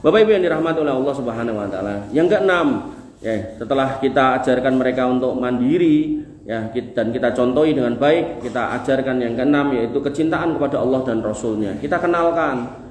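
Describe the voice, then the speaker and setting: A man's voice: medium pitch, brisk. A man with a Javanese accent preaching a sermon to a congregation in a folksy, joking way, driving points home with rhythmic repetition. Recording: echoey room with faint noise.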